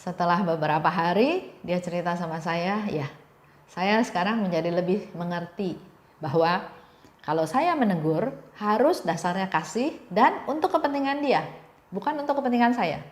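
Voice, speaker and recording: Woman giving a gentle devotional talk. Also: fairly low pitch, animated, moderate pace, roomy sound. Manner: gentle storytelling with repeated phrases.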